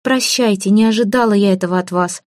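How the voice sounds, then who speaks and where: A woman's voice: mid-range voice, fast talker, no room sound, studio quality, natural voice. A woman voicing a poor, proud young orphan woman who talks in a flustered, pleading way. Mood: hurt. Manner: pleading, flustered, self-deprecating.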